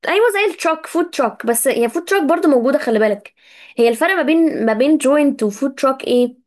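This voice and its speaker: A woman with an Egyptian Arabic accent teaching English words in a casual live lesson, chatty and talking straight to her students, drawing out words slowly to drill their pronunciation. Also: high voice, lively intonation. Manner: chatty, addresses students directly.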